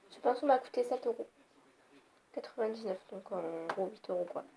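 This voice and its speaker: Young female beauty vlogger, casual and easily irritated, light raised pitch. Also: fairly quick, vocal fry, mellow. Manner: chatty, rambling, easily annoyed. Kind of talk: casual makeup tutorial. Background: faint noise of passing cars.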